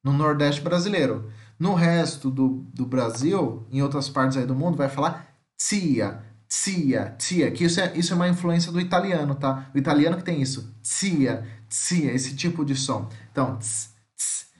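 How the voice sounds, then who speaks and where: A man's voice: on the high side, moderate pace. A man from Brazil teaching a phonetics lesson, patiently repeating speech sounds and checking in with tag questions. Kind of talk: home-schooling phonetics lesson. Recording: echoey room.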